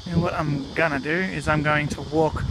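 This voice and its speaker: An Australian man narrates his walk in an easy, chatty way, dropping "righto" and little fillers. His voice sits a touch high. The camera mic picks him up outdoors, with insects and distant traffic clearly audible behind him. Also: fairly even intonation, moderate pace. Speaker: vlog host. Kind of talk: casual walking vlog narration. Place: outdoors on a disused railway platform in a park. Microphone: handheld camera mic while walking.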